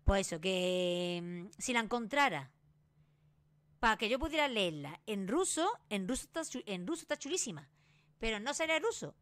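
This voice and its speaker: A woman in her late twenties from Spain with a Granada Spanish accent, rambling excitedly in a casual vlog and restarting her sentences often. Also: medium pitch, moderate pace. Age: late 20s. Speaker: YouTuber.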